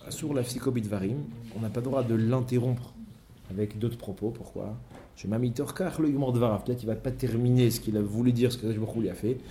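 A man's voice: mid-range voice, fast talker, warm tone, slight background noise. A man teaching a Torah study lesson, explaining step by step and mixing in many Hebrew terms.

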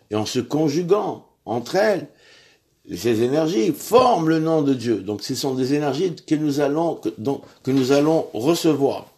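Halting French-speaking man teaching prayer. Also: fairly high pitch, a little mellow. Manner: halting, repeats words while searching; spells out Hebrew letters and prayer words. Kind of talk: religious lesson.

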